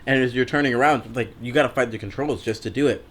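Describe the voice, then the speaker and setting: Animated young man, acts out his reactions. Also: mid-range voice, quick pace. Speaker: podcast guest. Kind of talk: casual chat.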